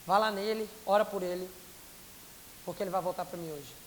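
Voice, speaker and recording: A young man quoting a calm inner divine voice, speaking low and hushed. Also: a little fast, close to an everyday voice. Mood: solemn, hushed. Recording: echoey hall, faint hiss.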